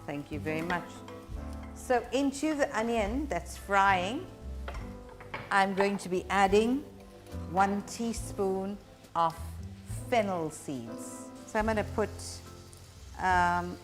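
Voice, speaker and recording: A woman presenting a cooking demonstration, explaining each step instructively with frequent pauses. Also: medium pitch, animated, music in the background.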